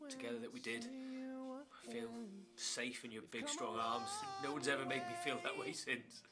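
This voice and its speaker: A man's voice: medium pitch, animated, measured pace, creaky. A man in his thirties recording a teasing, mock-sentimental wedding message on his phone at home, with crude jokes. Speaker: friend sending a wedding message. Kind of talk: jokey selfie video message. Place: indoors at home. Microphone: phone camera. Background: music.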